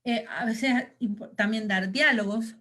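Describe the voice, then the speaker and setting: A woman's voice: fairly high pitch, measured pace, bright, forceful tone. A woman from Argentina teaching a storytelling training lesson, explaining patiently with fillers and checking questions. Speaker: children's ministry trainer.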